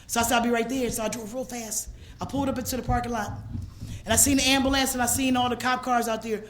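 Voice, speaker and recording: A woman from gives a personal recovery testimony at a convention. She moves between hushed storytelling and raw, shouted passages. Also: fairly high pitch, steady tone, fast, slight background noise. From Philadelphia, USA. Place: convention hall stage.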